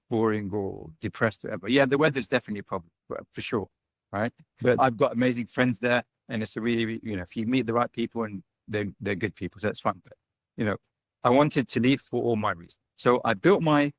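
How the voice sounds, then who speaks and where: Medium in pitch and free of room sound, this is a middle-aged British guest, a business owner living as a digital nomad. His interview answers are chatty and casual, often ending with "right?" or "you know."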